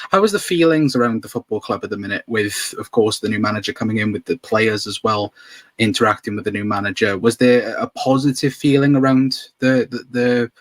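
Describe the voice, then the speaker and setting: A man speaks in a fairly low voice with very little room sound. He interviews casually, working his way through long, hesitant questions. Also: a bit bright, dry recording.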